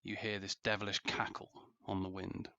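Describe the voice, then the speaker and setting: A man narrating a tabletop game as dungeon master, relaxed and halting, with many fillers. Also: sits low, slight background noise. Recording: dull lo-fi sound.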